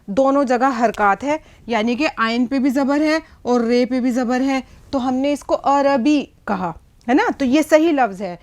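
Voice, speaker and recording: A woman's voice: high voice, darkish tone. A middle-aged woman teaching a language lesson at a board, explaining patiently and often checking that listeners follow. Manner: patient explaining, frequent checks like "hai na?" and "theek hai". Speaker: Urdu teacher.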